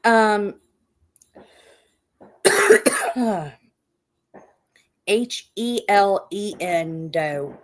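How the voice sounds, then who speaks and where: A woman's voice: mid-range voice, lively intonation, extremely slow, pauses often. A woman with a Midwestern accent co-hosting a podcast in casual chat. She reads from her notes and spells words out letter by letter. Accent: Midwestern American. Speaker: podcast co-host.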